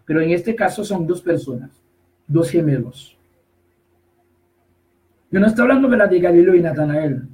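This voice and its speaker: A man preaching a sermon, emphatic and repetitive, slowly reading scripture verses and then explaining them. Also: high voice, animated, distant mic, low-quality recording. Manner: emphatic, repetitive, rises to shouts on key phrases.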